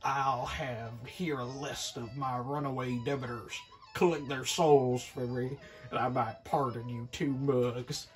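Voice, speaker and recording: A man voicing a sleazy male devil who owns a casino, speaking slowly, loudly and with menace. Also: mid-range voice, fairly even intonation, faint music behind, close to an everyday voice. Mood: menacing.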